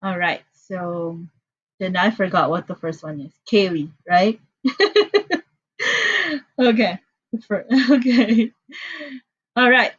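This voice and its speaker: A woman's voice: medium pitch, expressive, takes it slowly, long pauses, breathy edge, highs cut off. A woman from the Philippines with a Filipino accent, teaching an online class in a chatty, apologetic way with frequent fillers. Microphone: computer mic on a video call.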